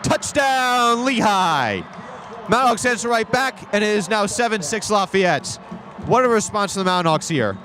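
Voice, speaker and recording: A male play-by-play announcer making an excited, shouted touchdown call in live American football commentary, from an outdoor stadium. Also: sits high, normal speed. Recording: outdoor stadium broadcast with background noise.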